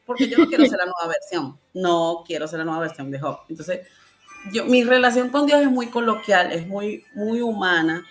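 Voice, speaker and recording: A woman's voice: on the low side, animated, moderate pace, soft background music. A woman with a Venezuelan accent, telling her personal faith story in a colloquial, emotional way and laughing often. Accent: Venezuelan Spanish. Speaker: testimony guest.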